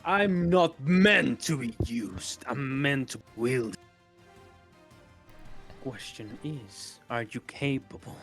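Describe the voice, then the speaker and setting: A man voicing the haughty spirit of a magic wand, a distant booming voice that is slow, grand and testing. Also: a bit bright, faint music behind. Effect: distant booming voice, as if magically amplified.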